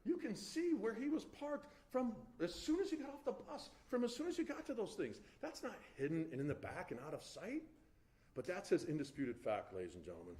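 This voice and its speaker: Male defense lawyer in a courtroom, slightly high voice, very animated pitch, insistent delivery to the jury. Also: fairly quick, a little hiss or hum. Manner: emphatic, addresses the jury repeatedly, frequent restarts. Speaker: defense attorney. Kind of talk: courtroom closing argument to a jury.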